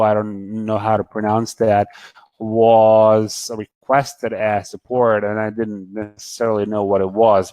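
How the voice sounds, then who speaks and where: A lowish, fairly flat male voice hosts a casual online webinar, stopping and restarting often with fillers as he reads out questions and clicks through a demo. The sound is dry and close, recorded on a desk mic. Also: clean tone, no room sound. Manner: halting, many fillers and repeated words, reads out attendee questions. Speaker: webinar host answering product questions.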